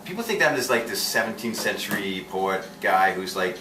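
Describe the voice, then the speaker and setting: In an echoey room, picked up from a distance with faint noise, a man serving as a dating coach talks in a casual group chat. His lowish voice is animated and fairly quick, and he comes across intense and direct, restarting often.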